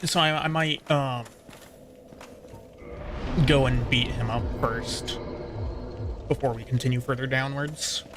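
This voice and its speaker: A man's voice: medium pitch, fairly even intonation, slow, long pauses, music in the background. A man giving casual, chatty commentary while playing a video game, muttering asides to himself. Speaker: gameplay streamer.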